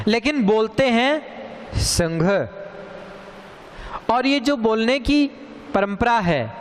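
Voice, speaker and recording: Slow, lively-pitched man teaching in a hall. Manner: slow, deliberate, repeats words to correct pronunciation. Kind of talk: Hindi grammar lesson. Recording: long reverb, faint ambient noise.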